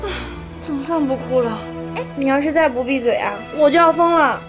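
An actress playing a sharp-tongued but soft-hearted young woman in a TV drama, with a scolding manner. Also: sits high, moderate pace, lightly acted. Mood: exasperated. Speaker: lead character. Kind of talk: TV drama acting. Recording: drama music underneath.

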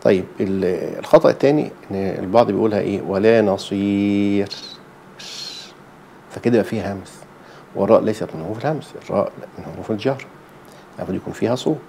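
A man's voice: fairly low pitch, racing, creaky, warm tone, a little hiss or hum. A middle-aged man with an Egyptian accent, teaching Quran recitation patiently step by step and posing rhetorical questions as he goes. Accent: Egyptian Arabic. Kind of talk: explanatory lesson.

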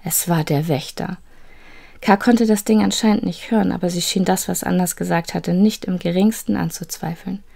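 A woman reads a children's fantasy story aloud in a steady, suspenseful way. Her voice sits fairly low and carries a gravelly, creaky texture. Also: moderate pace. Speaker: narrator. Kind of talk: storybook narration.

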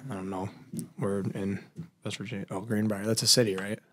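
A young college basketball player talks into a table mic at a postgame press conference. His voice sits low and flat, and he rambles loosely with plenty of fillers. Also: a little fast. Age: young adult. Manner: rambling, casual, many fillers.

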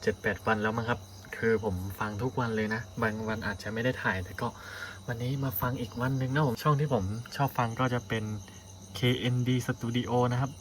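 A man's voice: mid-range voice, steady tone, brisk, a little hiss or hum. A young man talking casually to the camera in a daily vlog, sleepy after working all night. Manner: chatty, self-talking, plainspoken. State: tired from staying up all night. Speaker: vlogger.

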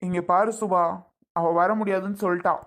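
A woman's voice: fairly low pitch, steady tone, fairly quick, close to an everyday voice. A woman playing a young married man torn between his wife and his sister, who pleads and then accuses in an amateur family drama skit. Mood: bitter.

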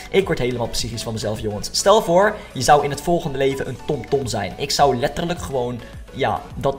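A young male gaming video host offers casual commentary in a medium-pitched voice, excitable and jokey, speaking straight to viewers and mixing in English slang. He's in an indoor room with faint music playing behind him.

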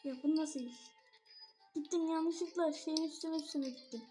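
A high-pitched woman narrating her gameplay live, quick to squeal and cry out at every slip. She sounds nervous and excited and trips over her words now and then. Faint game music hums underneath. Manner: excitable, frequent exclamations and squeals. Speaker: gaming channel host.

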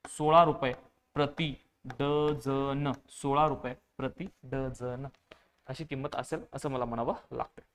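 A man teaching an online math lesson in a fairly high voice. He explains patiently step by step and often says a phrase twice. He poses questions to his students and answers them himself. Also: a bit bright. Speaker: exam-prep teacher.

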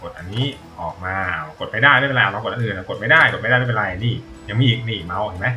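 A man's voice: fairly low pitch, fast talker, sharp tone, dull audio, soft background music. A man giving casual, rambling gameplay commentary as a tutorial streamer, thinking aloud and swearing now and then.

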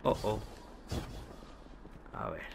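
A man giving chatty, excitable gameplay commentary with casual swearing. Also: extremely slow, background noise. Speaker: gaming video host.

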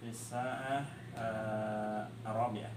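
Halting Indonesian male student, lowish voice. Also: level tone. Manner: halting, brief learner's answers. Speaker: language student. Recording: echoey room, loud noise.

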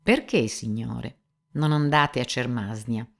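A woman reading an audiobook voices a sly, servile male servant who talks in a smooth, unhurried, faintly ingratiating way. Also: a bass voice, exaggerated voice. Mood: insinuating.

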